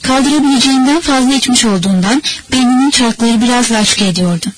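A woman's voice: a little high, quick pace, slight background noise, low-quality recording. Woman narrating an audiobook. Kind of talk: scripted narration.

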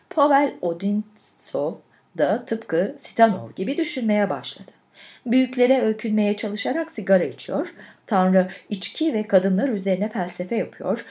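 Reading a literary audiobook, a woman at medium pitch narrates with measured, expressive storytelling.

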